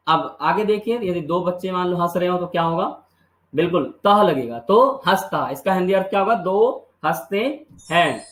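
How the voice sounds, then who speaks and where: A man's voice: high-pitched, a bit bright, reverberant, rough recording. A man teaching Sanskrit grammar in a video lesson. He asks questions and answers them himself, and drills the endings by repeating them. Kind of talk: classroom-style video lesson.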